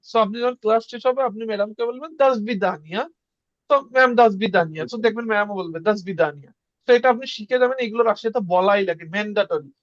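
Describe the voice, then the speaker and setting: Brief: male tutor, high voice, dry and slightly dull recording, casual lesson. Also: no room sound. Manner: conversational, repeats words slowly for learners. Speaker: Russian language teacher.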